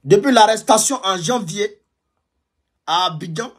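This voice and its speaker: A man speaking as a political commentator in a fiery revolutionary-style address, emphatic and repeating his phrases for effect, with a husky voice. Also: high voice, expressive, a little slow.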